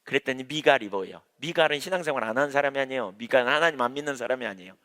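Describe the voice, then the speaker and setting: A pastor delivers an evening sermon in his church, racing along in an animated, bright, pushed voice at medium pitch. He's emphatic, returning to key phrases and asking rhetorical questions, as the hall reverberates around him during the prayer service.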